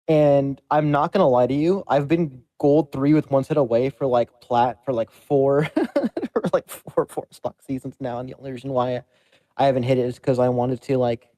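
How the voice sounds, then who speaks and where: A man in his thirties talks casually as an interviewed player, using a practiced customer service register. His tone is relaxed and rounded rather than sharp, and the sound is dry and close. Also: mid-range voice, no echo, rough recording. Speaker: competitive game player being interviewed after winning a tournament.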